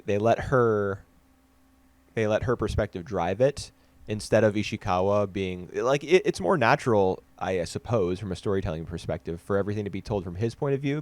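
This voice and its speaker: A male podcast co-host discusses anime casually but analytically, using fillers and restarting sentences. His voice is on the low side, and the recording has no room sound.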